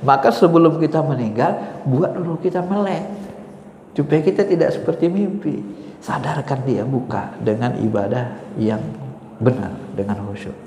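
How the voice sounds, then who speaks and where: A male preacher giving an emphatic sermon, sometimes jumping to high exclamations and laughing. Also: normal speed, warm tone. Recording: roomy hall echo, faint background noise.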